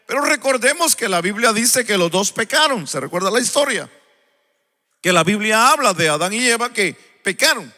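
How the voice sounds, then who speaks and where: A male preacher gives a live sermon after an opening prayer in a church sanctuary. He tells stories slowly and often checks in with the congregation. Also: high-pitched, expressive, sharp tone. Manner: unhurried storytelling, often asks the congregation "¿verdad?". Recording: long church-hall reverb.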